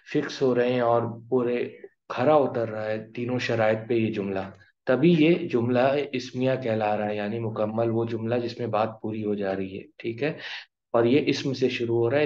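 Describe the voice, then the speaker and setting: A male teacher explaining grammar in a classroom lesson, drawing out each example word slowly. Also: medium pitch, a little mellow. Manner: slow, drawn-out pronunciation of example words. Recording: dull lo-fi recording.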